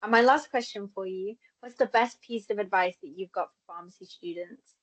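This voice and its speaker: A young woman speaks as an interviewer in a conversational style. Her voice sits at an average pitch for a woman. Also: fairly quick.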